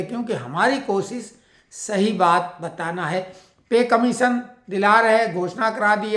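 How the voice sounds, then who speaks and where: A woman hosts an informal news commentary, explaining at length and speaking directly to her viewers. Her voice sits at a middle pitch. The room around her gives a noticeable echo. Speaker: channel host speaking to pensioners. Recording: echoey room.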